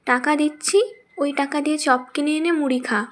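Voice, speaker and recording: A woman's voice: sits high, fairly even intonation, normal speed, close to an everyday voice. A woman voicing a stingy, quarrelsome old grandmother who snaps and scolds at everyone in a cartoon story. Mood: scolding. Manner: scolding, snappish.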